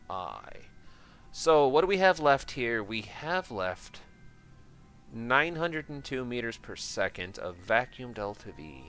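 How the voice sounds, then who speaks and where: A game streamer from Michigan with an American accent and a medium, slightly bright voice jokes his way through gameplay commentary. He chats with viewers in slangy, self-deprecating talk.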